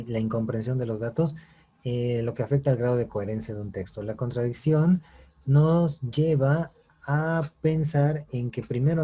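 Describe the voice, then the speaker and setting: A man's voice: mid-range voice, warm tone. A man teaching a writing class, explaining step by step and checking in often with his students. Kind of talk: online class lecture.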